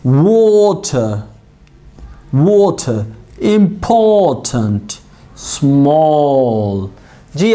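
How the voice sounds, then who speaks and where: An English pronunciation teacher giving a lesson and drawing out each example word slowly. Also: mid-range voice, a little mellow. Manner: drawn-out example words, explained in Hindi-Urdu.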